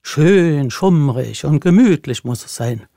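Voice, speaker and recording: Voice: mid-range voice, animated, takes it slowly, vocal fry, warm tone, no echo, studio quality. A narrator voicing an owl who wants Christmas dim and cosy. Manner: hooting, dreamy.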